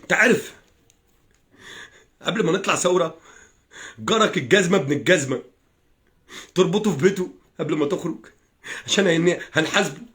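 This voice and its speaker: A man's voice: sits high, fairly bright tone. A young Egyptian man ranting on a live stream, furious, cursing and pleading with his viewers. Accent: Egyptian Arabic. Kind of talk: angry political livestream rant.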